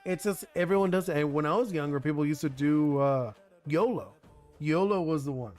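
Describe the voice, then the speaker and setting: Brisk and fairly high-pitched with a touch of mellowness, this young man's first language is Spanish. He talks casually to his live-stream audience as he works on a card game, rambling, restarting, and leaning on "like," while music plays softly underneath.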